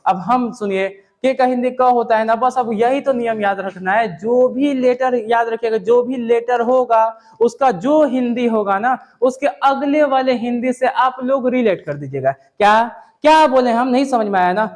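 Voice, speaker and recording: Brief: male teacher with a very high voice, chatty and repetitive, quizzing his class. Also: moderate pace, a little mellow. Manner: repetitive, drilling students with questions; casual, says "yaar" and "bhai". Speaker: English pronunciation teacher. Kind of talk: classroom lesson.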